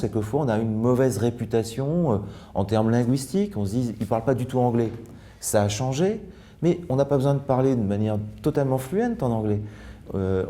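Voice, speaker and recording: A man's voice: medium pitch, dark tone. A man, a guest in a panel discussion, explaining at length with hesitations and restarts. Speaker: debate guest.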